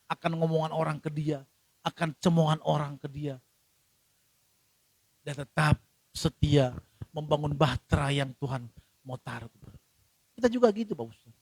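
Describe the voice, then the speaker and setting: A pastor in church delivers a casual, slang-filled sermon with a high, gravelly voice. He swings from loud emphatic bursts to quiet muttered asides. The recording is dry and close. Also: dry recording. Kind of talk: casual sermon with acted anecdotes.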